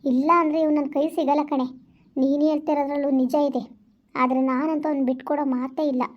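A hurt, jealous young woman, played by an actress, scolding in quick, high bursts. Her tone is reproachful and stubborn. The sound is dull and lo-fi, as in a homemade village skit. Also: little pitch movement, natural voice. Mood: brooding. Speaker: amateur skit actor. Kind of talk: village vlog skit acting.

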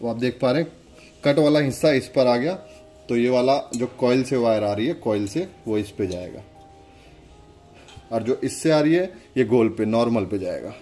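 Speaking at a normal speed in a mellow, medium-pitched voice, a man casually narrates a step-by-step product demo for his channel, indicating things as he goes. Soft music plays in the background.

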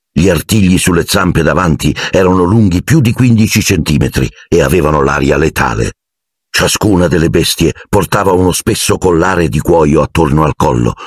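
Brief: male audiobook narrator, low husky voice, lively delivery, dry booth sound. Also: no room sound. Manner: expressive storytelling, acting out each character. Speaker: audiobook reader.

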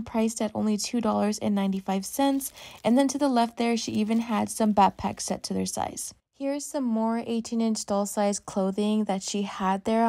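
A woman's voice: mid-range voice, warm tone. A young woman narrating a shop-with-me doll vlog in a chatty, enthusiastic voice-over with casual slang. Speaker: doll collector vlogger.

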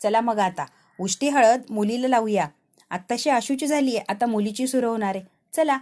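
A woman voicing a bossy woman who briskly directs the wedding rituals and gives orders. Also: on the high side, a little mellow, lightly acted. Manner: brisk, commanding.

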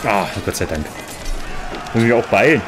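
A man's voice: on the low side, animated, normal speed, music in the background. Chatty grumbling man commenting on gameplay. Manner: grumbling, chatty, talks to himself and viewers. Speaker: let's play gamer. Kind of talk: casual gaming commentary.

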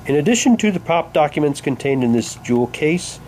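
A hobbyist vlogger gives rambling, unscripted unboxing commentary indoors, repeating himself and sometimes reading aloud. His voice runs on the high side with lively intonation, a darkish tone, and a slightly fast pace, and his handheld camera's built-in mic picks up a little hiss or hum.

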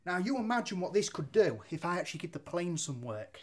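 A man from England, teaching woodworking, chats casually while handling and planing wood at a bench in his brick-walled indoor workshop. His high-pitched voice swings widely and runs a little fast, with occasional swearing and local slang.

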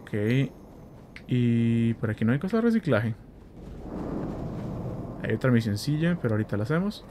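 A man chatting excitedly while playing a video game, with a Central American Spanish accent, making blaster sounds and joking. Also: mid-range voice, normal speed, long pauses, noisy background. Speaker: gameplay streamer. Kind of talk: casual let's-play commentary.

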